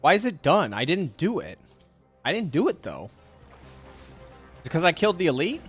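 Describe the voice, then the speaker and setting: A man's voice: fairly high pitch, very animated, normal speed, a bit bright, husky, soft background music. A man livestreaming a video game, chatting casually, thinking aloud and swearing in slang as he plays. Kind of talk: casual live gaming commentary.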